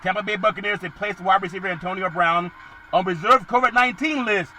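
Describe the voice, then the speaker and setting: A middle-aged man hosting a sports podcast, animated, repeating catchphrases and swinging between loud and quiet. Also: sits high, quick pace, a little hiss or hum, low-quality recording. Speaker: podcast host. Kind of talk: sports talk monologue.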